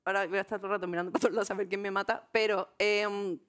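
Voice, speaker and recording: A woman, a guest on a comedy talk show, telling animated stories with shouted impressions. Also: mid-range voice, very fast.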